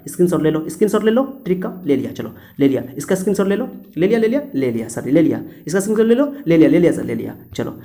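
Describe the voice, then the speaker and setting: A man's voice: fairly high pitch, warm tone. A young man teaching students a memory trick in a chatty way, acting out little voices in his story.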